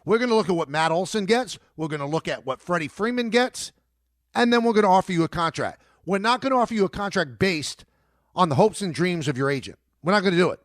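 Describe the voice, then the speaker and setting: Casting: middle-aged male sports radio host, high lively voice, emphatic and combative, dry studio sound. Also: quick pace, no room sound. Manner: emphatic, argumentative, repeats points.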